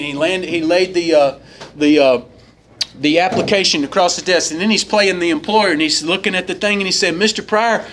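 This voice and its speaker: Casual: guy giving his recovery testimony in a meeting hall, pitch jumps way up when he acts stuff out, bit of background noise. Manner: animated storyteller, swings up in pitch for quoted voices. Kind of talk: personal testimony talk.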